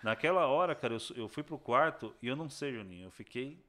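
Over crowd noise, a young man talks fast in a mid-range voice as a guest sharing how he converted. The chat is casual, and he animatedly acts out the people in his tale, using plenty of slang.

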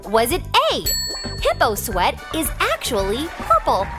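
A zany woman host of a children's audio comedy. Her voice is high and extremely animated, with a theatrical, exaggerated delivery over prominent music. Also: a little slow. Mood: bubbly, showy. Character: zany, excitable woman game show host with eccentric ideas. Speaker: co-host of a children's science game show podcast.

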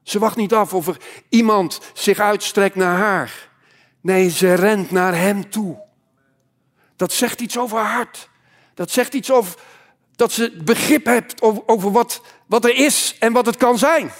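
Male pastor, high voice, impassioned sermon, swings from loud to hushed. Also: measured pace.

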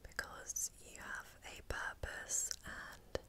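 Woman whispering a soothing pep talk asmr style, super slow, breathy, right up close on the mic. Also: sharp tone. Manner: slow, soothing, encouraging delivery with pauses. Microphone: close-up microphone.

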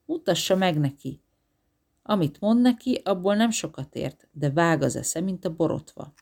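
A man voicing a brusque, self-assured male doctor giving curt orders, with a creaky voice. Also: on the high side, animated, darkish tone. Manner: curt, commanding.

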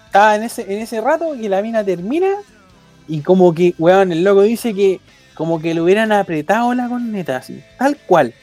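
A man's voice: high voice, expressive, normal speed, darkish tone, faint music behind. A young man with a Chilean accent telling a rambling, slang-filled anecdote in casual chat. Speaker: storyteller.

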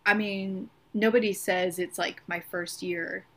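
A young woman co-hosts in a casual, conversational style. Her voice sits at a middle pitch for a woman. She phrases things informally, with "like" scattered through her talk. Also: steady tone, a little slow, a bit bright. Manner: informal, frequent "like" as filler. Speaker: podcast co-host. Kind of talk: casual chat.

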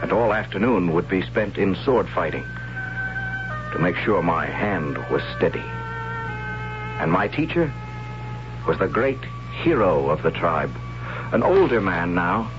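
A man's voice: deep voice, very animated, measured pace, long pauses. An actor playing a timid young tribesman who narrates his story in a wry, hesitant way, in a 1970s radio drama. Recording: dull old radio broadcast with music.

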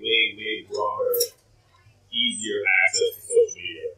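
A young man co-hosting a casual podcast, repeating himself as he works out his points and tossing in quick agreements. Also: lowish voice, little pitch movement, bright, forceful tone, far from the mic, poor audio. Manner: casual, repeats words, many short agreements. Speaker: podcast co-host. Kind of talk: casual chat.

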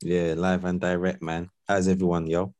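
A man's voice: deep voice, flat delivery, normal speed, darkish tone, no room sound. A man with an urban London street accent hosting a podcast in casual, slang-heavy roadman talk. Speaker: podcast host.

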